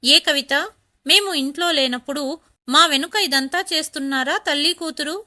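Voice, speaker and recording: A woman's voice: high voice, moderate pace, sharp tone. A woman reading the lines of a scornful young daughter-in-law in a storybook tale.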